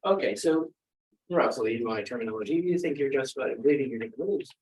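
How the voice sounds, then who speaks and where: A man's voice: medium pitch, animated, fast, darkish tone, low-quality recording. Man giving an academic talk. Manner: thinking aloud with restarts. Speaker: speaker.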